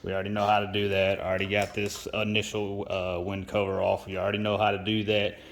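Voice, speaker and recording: A man's voice: on the low side, monotone, quick pace, vocal fry, echoey room, a little hiss or hum. A man who is a mechanic talks casually through a motorcycle parts install, half-whispering to himself as he works. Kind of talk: casual how-to while working.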